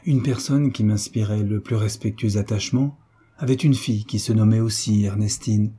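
Reading an audiobook, a man takes on the part of a gracious young duchess, asking gentle, affectionate questions in a pitch above his narrating voice. His delivery is husky, tender in mood and moderately paced.

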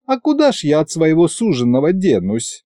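A woman's voice: low voice, huge pitch swings, moderate pace, mellow, dry recording, studio quality, voice pushed up, heavily acted. A man voicing a playful, coquettish young bride who teases and drawls languidly. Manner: teasing, languid.

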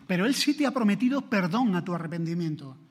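A man from Spain preaching an emphatic sermon, building to forceful urgency. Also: sits high, expressive, quick pace, slightly rough. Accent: Spain Spanish. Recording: long hall reverb.

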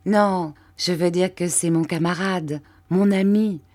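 An eager young boy, the hero of a classic storybook, read by a woman. He speaks earnestly, with bright excitement and a young, open warmth. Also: lowish voice, slow pace.

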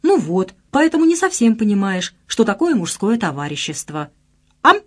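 A woman voicing a cheerful young man just back from army service, speaking with lively pitch swings in an audiobook reading. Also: normal speed. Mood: eager, coaxing.

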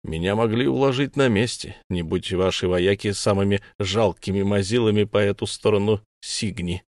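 Guy reading curt stubborn prisoner, flat level answers, dry close audiobook. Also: on the low side, normal speed, dry recording, close to an everyday voice. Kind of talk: audiobook character voice.

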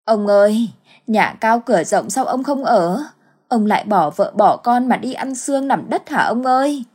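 A woman's voice: medium pitch, lively intonation, moderate pace, husky. A woman voicing a cruel, scheming older village woman who wails and gloats in a storybook tale. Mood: fake wailing. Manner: wailing then coldly gloating.

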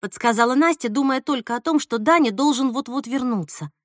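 A woman's voice: high voice, brisk, dry recording, studio quality. A woman narrating an audiobook expressively, acting out the characters' voices. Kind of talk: audiobook reading.

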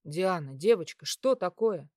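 A woman voicing a protective young man who speaks soothingly and reassuringly on the phone, in a lowered voice. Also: expressive, unhurried, darkish tone, no echo, studio quality. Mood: tender reassurance.

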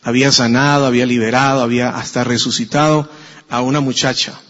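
A man preaching a sermon in a Colombian Spanish accent, slow and deliberate, asking his listeners questions as he reads. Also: medium pitch, level tone, fairly bright tone, in a large hall, muffled recording. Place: church sanctuary.

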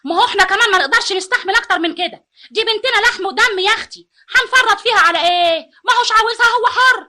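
A woman's voice: very high voice, rapid-fire, sharp tone, full character voice. An indignant Egyptian mother. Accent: Egyptian Arabic. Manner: indignant, scolding. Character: indignant mother Umm Hussein, protective. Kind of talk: Egyptian radio drama acting.

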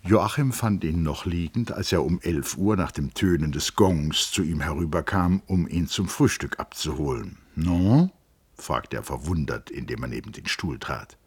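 A man narrating a literary audiobook with measured, expressive storytelling. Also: very deep voice, husky, dry recording. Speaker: audiobook reader.

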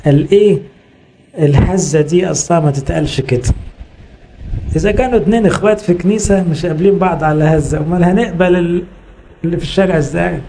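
Man, Egyptian accent, priest's sermon, gravelly fry, dark mellow tone, repeats and asks rhetorical questions. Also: a little high, fast talker, a little hiss or hum, poor audio. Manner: exhorting, repetitive, rhetorical questions.

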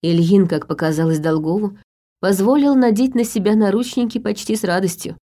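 A woman narrating a novel in a steady, measured way. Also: mid-range voice. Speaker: audiobook narrator. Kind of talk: scripted narration.

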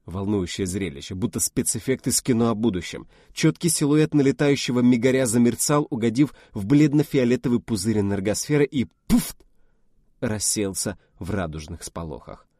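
A man narrating an audiobook in first person with expressive storytelling. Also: on the low side, moderate pace, no room sound, clean studio sound.

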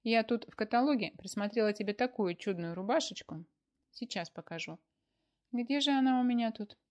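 A woman voicing a stern, bossy older wife who scolds with a sharp tongue in a read-aloud story. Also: fairly high pitch, a little fast, lo-fi sound, voice pushed up, close to an everyday voice. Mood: scolding.

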